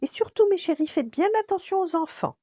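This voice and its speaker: Woman voicing a high, anxious mother crab for a bedtime story, dry close sound. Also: a little fast, mellow, no echo, dull audio. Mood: fretful. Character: fretful mother crab, female, adult.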